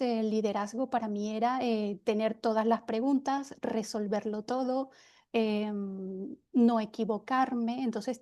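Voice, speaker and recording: A middle-aged woman from Venezuela with a Venezuelan accent, speaking reflectively as a webinar panelist, often pausing and restarting. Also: a little high, mellow. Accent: Venezuelan Spanish. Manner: reflective, many hesitations and restarts. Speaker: panelist, personal development consultant. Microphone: video call.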